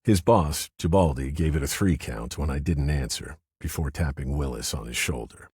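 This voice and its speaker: A man narrating a first-person mystery audiobook in a wry, deadpan manner. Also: a bass voice, moderate pace, husky, dry recording, clean studio sound.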